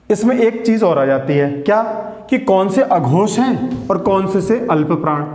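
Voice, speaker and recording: A man teaching a grammar lesson, sounding out each letter slowly and asking students to repeat after him. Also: high voice, a little mellow, roomy sound.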